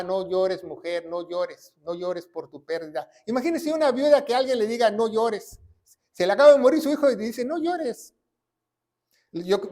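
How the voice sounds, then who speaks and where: A man preaching a sermon as pastor, punctuating his points with rhetorical questions and sudden loud emphasis. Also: high voice.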